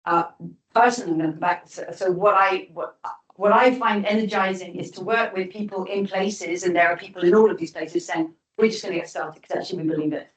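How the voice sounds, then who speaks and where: A woman from the United Kingdom gives a guest lecture and takes audience questions, thoughtful and often restarting or reframing as she goes. Her voice is on the low side and brisk. The recording is echoey, from a mic far off in a lecture hall.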